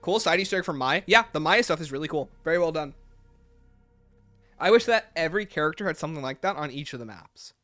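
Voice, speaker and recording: Male livestream host, somewhat high bright voice, opinionated, talks back to chat, soft music behind. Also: animated, quick pace, dry recording, studio quality. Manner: opinionated, reads and answers chat aloud. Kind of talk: casual livestream commentary.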